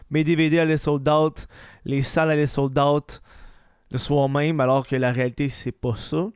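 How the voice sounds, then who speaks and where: Lisping Quebec man with a clear, higher voice. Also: little pitch movement, unhurried, long pauses, no echo, studio quality. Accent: Quebec French. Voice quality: lisp, slushy s from dental aligners. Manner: rambling, swearing, slangy. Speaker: podcast host. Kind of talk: casual comedic solo podcast.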